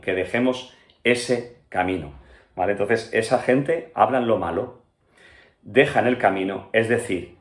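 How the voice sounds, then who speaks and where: A pastor from Spain with a Spanish accent, teaching an earnest Bible-study sermon that speaks straight to the listener and keeps checking in with him. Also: male voice, lowish voice, roomy sound. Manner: earnest, addresses listener directly with frequent "¿vale?" and "¿verdad?".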